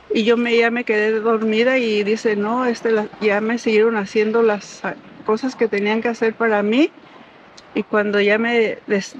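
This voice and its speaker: An older woman telling her own story of a dangerous childbirth, halting and emotional, with many restarts. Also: a little high. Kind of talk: personal storytelling. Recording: dull lo-fi recording, faint noise.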